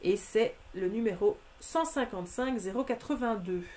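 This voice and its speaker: A woman's voice: medium pitch, normal speed, darkish tone, a little hiss or hum. A woman presenting craft products in a live stream, methodically listing discounts and prices and speaking familiarly to her viewers.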